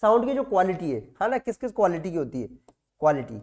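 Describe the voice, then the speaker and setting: A man's voice: high-pitched, sing-song, fast, a little mellow. A man teaching nursing exam material in a classroom lecture style, repeating key words and asking and answering his own questions.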